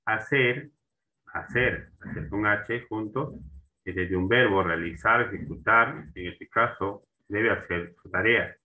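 A man's voice: fairly low pitch, bright, forceful tone, rough recording. A man teaching a grammar lesson, repeating terms and checking in with his students as he goes. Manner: slow and repetitive, restarting words and asking for agreement.

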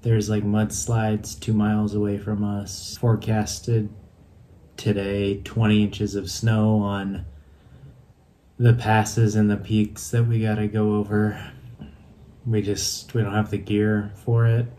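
A man in his thirties talks into a phone held at arm's length outdoors on a mountain trail. He speaks in a halting, casual vlog style, full of fillers and restarts, with clear background noise behind him. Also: on the low side, completely flat delivery, mellow. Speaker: hiking vlogger. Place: outdoors on a mountain trail, later indoors in a room.

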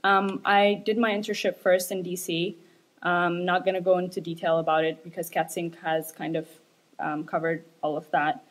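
A woman's voice: on the low side, flat delivery, normal speed. A young woman from Ethiopia, a graduate student, giving an academic presentation with frequent fillers and hesitations. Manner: hesitant, many fillers, light laughs.

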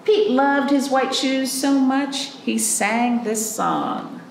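A woman reads and chats to small children in the style of a library storytime. Her voice is fairly high with a noticeable creak, and she takes her time, asking simple, encouraging questions. The room adds a clear echo. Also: takes it slowly. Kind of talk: children's storytime talk and picture-book read-aloud. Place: small indoor room, camera a few feet away. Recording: roomy echo, faint background noise.

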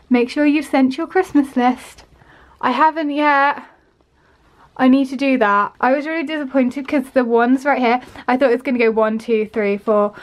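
A British teenage girl vlogging casually at home to a handheld camera, excitable and gushing. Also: high voice. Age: teens. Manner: excitable, gushing, quick to squeal with delight. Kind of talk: casual vlog chat to camera. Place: at home, bedroom and desk.

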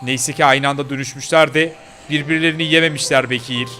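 A man's voice: mid-range voice, fairly even intonation, fast, pushed and bright, faint music behind, pitched below the performer's own voice, natural voice. A man voicing a brave, determined young girl in a game role-play, bossy and urgent as she scolds her companion.

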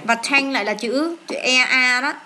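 Female English tutor, high bright voice, coaxing question-and-answer style. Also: moderate pace. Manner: coaxing, asks questions and answers them herself. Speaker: English teacher. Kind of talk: explaining test answers to a child.

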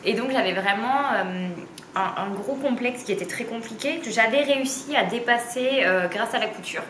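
Woman, late 20s, candid sewing vlogger; halting, filler-heavy delivery, mic at a distance in a roomy space. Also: a little high, fairly bright tone, a little hiss or hum. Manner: hesitant, many fillers, speaks openly and gestures. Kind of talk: candid personal vlog. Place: bright room at home with a dress form. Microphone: camera a few steps away. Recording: roomy, slightly distant, faint ambience.

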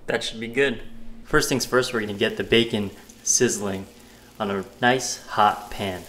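A man's voice: on the low side, fairly even intonation, measured pace, fairly bright tone, a little hiss or hum. Upbeat young man talking through cooking. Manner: upbeat, enthusiastic, talks through each step. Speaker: cooking show host. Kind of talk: casual cooking tutorial. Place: home kitchen, indoors. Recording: roomy kitchen with background music.

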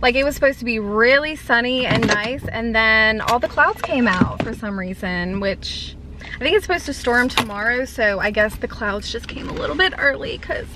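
In a casual in-car vlog shot from the dashboard, a young North Carolina food vlogger with a light Southern accent rambles on, using "like" a lot. Her voice is a little high with lively intonation at a moderate pace, against a noisy background.

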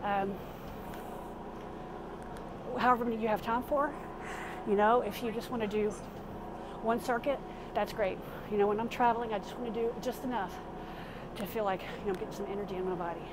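Her voice is medium-pitched and steady, a little fast, with frequent pauses, as this middle-aged fitness instructor works out and informally demonstrates the routine. The setting is a small RV with clearly noisy interior sound, recorded by a camera a few steps away.

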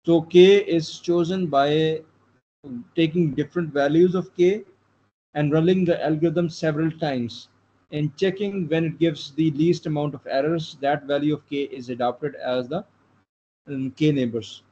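A man's voice: a little high, steady tone, a little slow, mellow. A man lecturing patiently on programming, with many fillers and restarts, recorded with dull lo-fi sound. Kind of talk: live online lecture. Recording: dull lo-fi sound with faint noise.

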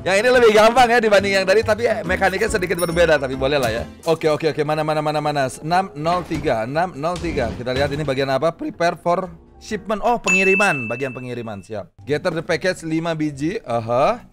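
A young man does casual gameplay commentary. He is playful and slangy, with exclamations and repeated words, and game music plays clearly behind him. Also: on the high side, fast. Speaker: gamer, video host.

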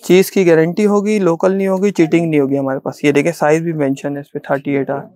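A middle-aged man with a Pakistani Urdu accent, a shopkeeper giving a sales pitch in a small clothing shop, repeating himself insistently as he shows coats. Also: little pitch movement, fast, a little mellow, no echo, clean studio sound. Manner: repetitive, insistent salesman patter.

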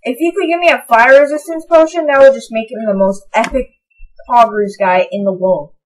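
A young woman giving casual, excitable commentary on her own gameplay, sometimes breaking into high, delighted shouts. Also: brisk, rough recording. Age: young adult. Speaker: gaming channel host.

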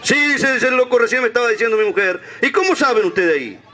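A man's voice: very high voice, lively intonation, fast, a bit bright. A man with a Uruguayan accent telling jokes on an outdoor stage, chatting with the audience and acting out the dialogue. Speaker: stand-up comedian.

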